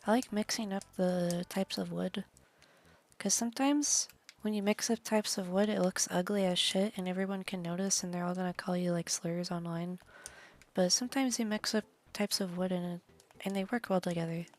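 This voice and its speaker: Chatting casually over a game stream, this woman rambles loosely, swears now and then, and trails into half-whispered asides. She speaks in a lowish, steady voice at a moderate pace.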